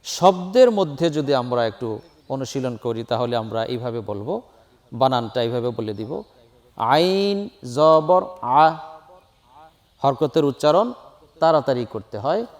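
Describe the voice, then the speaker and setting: A man teaching Quran reading, drilling Arabic letters and sounds and chanting each syllable louder and higher. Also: lively intonation, moderate pace.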